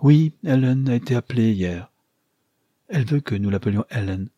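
A man's voice: mid-range voice, animated, moderate pace, mellow, breathy edge, no echo, lo-fi sound. A man voicing a chatty, flustered young woman who gushes giddily in an audiobook. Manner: gushing and giddy. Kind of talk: audiobook character voice.

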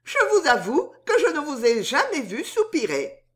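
A woman voicing a coy, teasing young female maid in a spoken storybook, with bright, quick exclamations. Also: high-pitched, sing-song, pitched above the performer's own voice, full character voice.

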